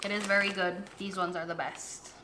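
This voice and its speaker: A young woman chatting casually in a vlog, upbeat and quick to laugh, filmed on a handheld camera. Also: medium pitch, fairly even intonation, bright, forceful tone, a little hiss or hum. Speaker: vlogger.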